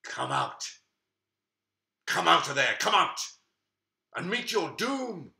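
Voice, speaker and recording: A man's voice: medium pitch, sing-song, a little slow, bright, forceful tone, exaggerated voice. A man doing a brave storybook girl. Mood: commanding. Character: brave young girl with a sword, kind. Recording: echoey room.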